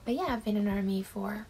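A woman in her twenties from Taiwan films a casual Q&A vlog in her bedroom, chatting to camera with frequent fillers and small laughs. Her medium-pitched voice sounds mellow, though the audio quality is poor.

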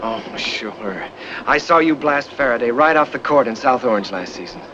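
Brief: actor doing a teasing, overly familiar stranger on a train; animated pitch, muffled vintage film audio. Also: male voice, moderate pace, close to an everyday voice. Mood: ingratiating. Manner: ingratiating, chatty, teasing. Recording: dull lo-fi old film soundtrack with train noise.

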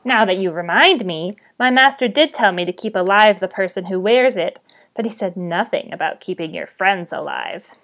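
A woman voicing a cruel, mocking male goblin leader with a raspy voice, read aloud from a novel. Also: mid-range voice, normal speed, a bit bright, close to an everyday voice. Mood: sneering. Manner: sneering, menacing commands.

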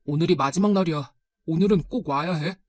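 A woman's voice: fairly low pitch, a little fast, a little mellow, no room sound, voice pushed down, lightly acted. A woman voicing a nineteen-year-old son in a told story, with a reproachful, pointed manner. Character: nineteen-year-old son, resentful but gentle with grandmother. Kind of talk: storybook narration.

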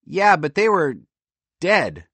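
A man's voice: sits high, wildly swooping pitch, slow, a bit bright, no room sound, pitched above the performer's own voice, heavily acted. A man voicing a skeptical, blunt young boy in a storybook. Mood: doubtful.

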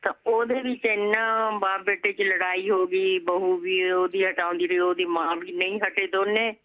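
A woman's voice: medium pitch, fairly even intonation, normal speed. A woman from India now living in Canada, calling a talk show and earnestly telling a story step by step. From from India, lives in Canada. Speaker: caller. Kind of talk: phone call to a talk show. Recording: tinny phone line.

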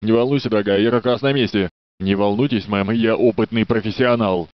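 A male actor with a lowish, steady-toned, brisk voice that sounds close to everyday speech voices a research facility security guard in a Russian game dub. The guard is dutiful and polite, friendly, and slightly flirtatious in his courtesy. The recording is a dry and dull studio dub.

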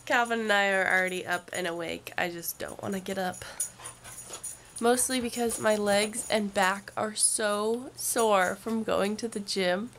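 A young woman with a cold, a family vlogger, rambles chattily and animatedly into a handheld camera at arm's length from her bedroom, sounding congested. Her voice is medium-pitched and a little slow, and there's slight hiss or hum.

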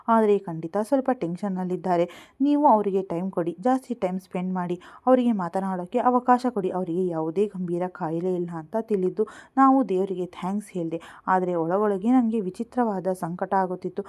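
A woman narrating a scripted first-person story in a calm, steady way. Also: on the low side, moderate pace.

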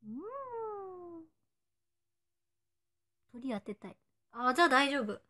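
A woman's voice: sits high, a little fast, bright, forceful tone. A woman in her twenties, an idol chatting casually on a livestream and reading out fan comments in a playful way, sometimes dropping to a whisper. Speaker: idol streaming to fans.

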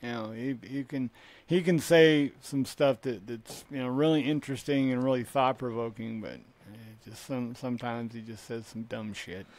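A man's voice: medium pitch, moderate pace, a little mellow, no room sound. A man telling stories on a comedy podcast in a rambling way, repeating phrases and swearing freely. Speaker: podcast co-host. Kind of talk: casual comedy podcast chat.

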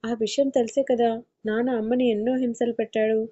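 A grieving young woman pleads through tears in a storybook audio tale, as a female narrator reads her lines. The voice is fairly high but mellow and dark in tone. The audio is dull and lo-fi. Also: flat delivery, brisk, close to an everyday voice. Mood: tearful. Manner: pleading, tearful questions.

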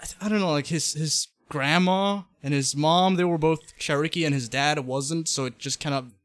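A man's voice: fairly high pitch, moderate pace, a bit bright, no room sound. A man co-hosting a podcast in casual chat, rambling with dry sarcasm.

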